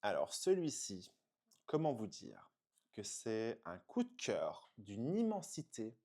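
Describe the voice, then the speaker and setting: A man's voice: fairly low pitch, wildly swooping pitch, slow, dark tone. A man from France reviewing perfumes in an enthusiastic unboxing video, gushing with frequent exclamations and hesitant fillers.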